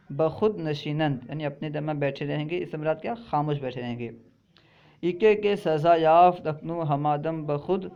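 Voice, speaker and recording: Brief: male teacher, higher-pitched voice, smooth and clear tone, methodical phrase-by-phrase glossing. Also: a little mellow. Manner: reads each phrase, then repeats and glosses it. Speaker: religious school teacher. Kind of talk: phrase-by-phrase translation lesson. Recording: dull lo-fi recording.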